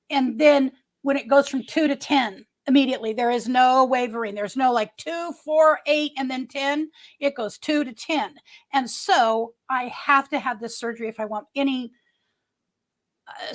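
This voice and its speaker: A livestream host in her early sixties talks casually from her home, wandering through viewer comments and restarting herself often. Her voice sits high.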